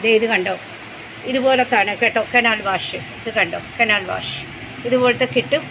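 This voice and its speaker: A woman's voice: high voice, noisy background. A woman vlogging casually about her pet dog, chatty and explaining things step by step, switching to coaxing baby talk with the dog. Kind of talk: casual vlog narration.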